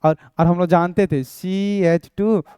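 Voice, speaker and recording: Young man, high yet mellow, smooth voice; teasing chemistry tutor. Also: fairly even intonation, a little slow, no room sound. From Bihar. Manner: playful, banters with imagined students, sings a snatch. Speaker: chemistry teacher. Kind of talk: exam-prep lecture.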